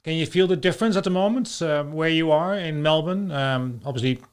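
A man's voice: on the high side, a little fast, smooth. A man with a Dutch accent hosting an interview over a call, asking curious questions and giving short encouraging replies. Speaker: podcast host. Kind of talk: casual interview. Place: home in London.

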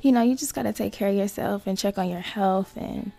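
A woman hosting a casual solo podcast, talking to listeners in slangy, sweary asides with creaky vocal fry. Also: medium pitch, fairly quick, warm tone. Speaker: podcast host.

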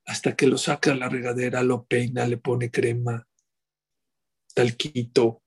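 A middle-aged man delivers a rabbi's sermon. His voice has a husky edge, and he keeps asking his listeners rhetorical questions in an animated way. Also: mid-range voice, a little slow.

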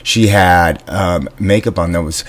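Deep-voiced sardonic man inside a closet. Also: a little slow. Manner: dry, sardonic comebacks. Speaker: podcast co-host. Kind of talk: casual comedic chat.

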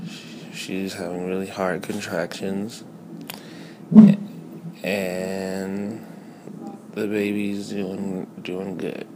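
Male vlogger, low-pitched and halting, casual update recorded at a hospital over noisy ambience. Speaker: expectant father filming vlog updates. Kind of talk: casual chat, vlog update. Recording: noisy background room ambience.

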